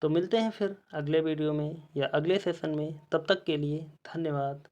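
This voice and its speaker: A male teacher giving an exam-prep lesson, reading out quiz questions and their options one by one in a measured way. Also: on the high side, darkish tone, dull audio.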